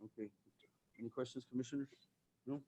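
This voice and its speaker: Fast-talking man chairing a meeting. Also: medium pitch, fairly even intonation, mellow, slightly rough, poor audio. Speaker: county judge chairing a public meeting. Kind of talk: formal meeting procedure, reading resolutions aloud.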